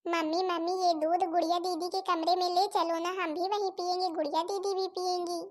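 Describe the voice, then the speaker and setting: A woman voicing a whiny, talkative little village girl with a high childish voice and an Awadhi accent, pleading and arguing back in a cartoon. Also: little pitch movement, brisk. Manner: pleading, tattling, argues back. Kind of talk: cartoon voice acting.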